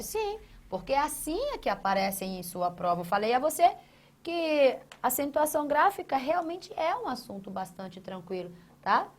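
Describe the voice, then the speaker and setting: High-voiced woman teaching grammar. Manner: asks questions and answers them herself; drawn-out syllables while writing on a board. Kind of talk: exam-prep grammar lesson.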